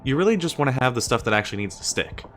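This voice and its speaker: A man's voice: medium pitch, very animated, racing, fairly bright tone. A man from the US giving a casual explainer, talking conversationally and asking exasperated rhetorical questions that he often answers himself. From United States. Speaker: streamer and teacher giving presentation tips. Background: music.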